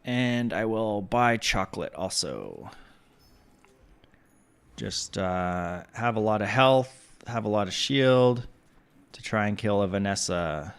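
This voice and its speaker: A man talking through his video game turns in a relaxed, casual way, thinking out loud with frequent ums. His voice sits low with a creaky, gravelly edge, and he speaks slowly. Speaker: gameplay commentator. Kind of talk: casual gaming commentary.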